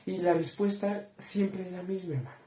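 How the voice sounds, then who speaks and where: An earnest young man leads a devotional Bible study and keeps turning to his listeners as brothers. His voice sits a little high yet sounds mellow and warm. It rings with a roomy echo. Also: moderate pace. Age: young adult. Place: room with bookshelves behind him.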